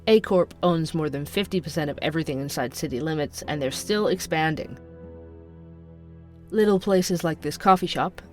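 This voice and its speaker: Lightly acted, the performance gives us a wry, conspiratorial night-shift barista, young and suspicious with a sardonic streak, narrating a podcast in conversational style for an audio drama. The actor's male voice sits on the high side with a fairly bright tone.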